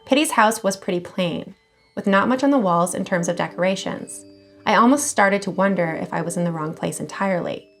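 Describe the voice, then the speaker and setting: Expressive woman reading horror stories. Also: lowish voice, fairly quick, soft background music. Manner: expressive, casual swearing. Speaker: horror story channel host. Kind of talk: reading scary stories aloud.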